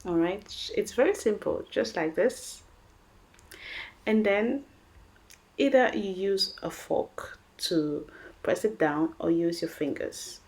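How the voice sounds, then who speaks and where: In this recipe voice-over, a cooking-channel host with a French accent talks slowly in a mid-range, somewhat dark voice. She keeps it chatty and upbeat, encouraging viewers she calls guys and friends.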